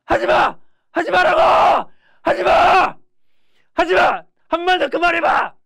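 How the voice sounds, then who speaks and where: A man acting out a bullied schoolboy who shouts back at his tormentor in a shrill, full-voiced yell. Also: little pitch movement, slow, gravelly, dry recording, heavily acted. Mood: shouting.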